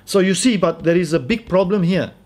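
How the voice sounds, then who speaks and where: Animated Malaysian English preacher, man. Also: sits high, a little fast. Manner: animated, emphatic, acts out quoted voices. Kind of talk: conversational sermon.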